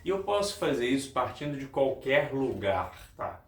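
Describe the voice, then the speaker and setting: A man's voice: medium pitch, very animated, normal speed. Man teaching guitar theory. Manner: explains step by step, repeats key points, addresses viewers directly. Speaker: music teacher. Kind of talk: guitar lesson. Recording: roomy, with guitar playing.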